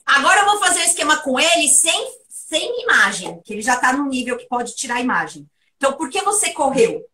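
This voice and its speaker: A woman giving a private English lesson, lively and playful as she runs question drills. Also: high-pitched, fairly quick, recorded from a distance. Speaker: English teacher.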